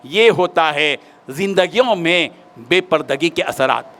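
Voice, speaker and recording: Preacher guy telling a sermon story, high bright voice, emphatic. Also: expressive, a little slow. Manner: emphatic moralizing. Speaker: maulana preacher.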